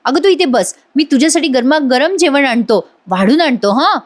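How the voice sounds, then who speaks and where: Woman voicing a sorry young husband, pleading, fairly high voice. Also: lively intonation, moderate pace.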